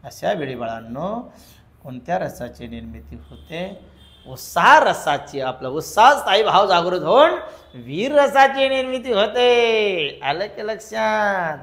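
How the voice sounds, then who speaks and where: A man's voice: high-pitched, sing-song, measured pace, a bit bright. A man with a Marathi accent teaching a class in a sing-song recitation, laughing often as he explains. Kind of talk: classroom lecture.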